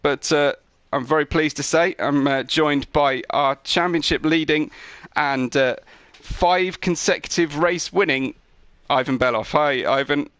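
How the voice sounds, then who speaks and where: A man's voice: fairly high pitch, a little slow, fairly bright tone, smooth, dry recording. Upbeat man hosting a racing broadcast. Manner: upbeat, chatty, frequent ums. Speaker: league broadcast host. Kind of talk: post-race interview chat.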